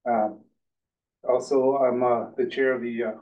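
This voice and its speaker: This is an older man at a public meeting, working through a list of his roles with many halting pauses. His voice is very flat and level. The sound is distant and narrow, almost like a phone line. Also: medium pitch. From Finland, raised in California. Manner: halting, many uhs, listing. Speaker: committee member, neighborhood council chair. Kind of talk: self-introduction at a public meeting.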